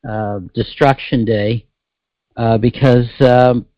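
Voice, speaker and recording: Male radio monologist, mid-pitched, thick-tongued and slurred, halting delivery with folksy asides to the audience. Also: fairly even intonation, no echo, dull audio. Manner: halting, with frequent pauses and folksy asides to listeners. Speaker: host of a political broadcast. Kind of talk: solo talk-show monologue.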